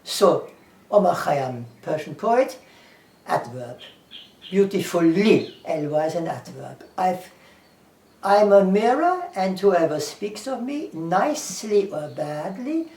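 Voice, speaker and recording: Slow yet very animated, the man speaks in a high, slightly mellow voice with a German accent. Acting as an English teacher in a casual to-camera talk, he is earnest, repeats himself, lists ideas one at a time and quotes scripture. The audio is echoey, with the mic far away.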